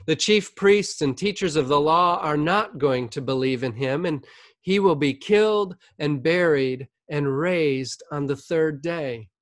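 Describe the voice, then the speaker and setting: Man preaching, voicing a slow quiet solemn teacher, dry sound. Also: a little high, no echo, natural voice. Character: solemn male teacher foretelling suffering.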